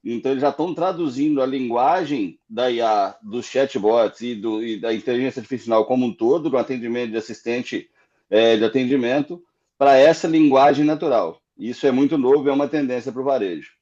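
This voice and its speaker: A man's voice: medium pitch, brisk, warm tone, muffled recording. A Brazilian man on a group call, explaining his view of a retail fair and building each point with repeats. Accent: Brazilian Portuguese. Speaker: delegation member. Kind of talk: casual chat on a group call.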